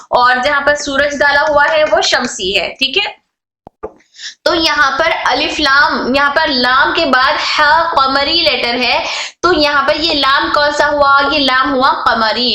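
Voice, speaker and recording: A woman teacher giving a recorded lesson on Quran letter rules, patient and repetitive, slowly drawing out sounds to demonstrate them. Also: sits high, bright, forceful tone, roomy sound.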